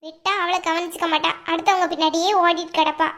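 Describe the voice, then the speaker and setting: Woman voicing a high, bossy cartoon aunt. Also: little pitch movement, fast talker, a bit bright. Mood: scolding. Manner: scolding, nagging, commanding. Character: bossy older aunt who scolds and fusses. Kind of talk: cartoon voice acting.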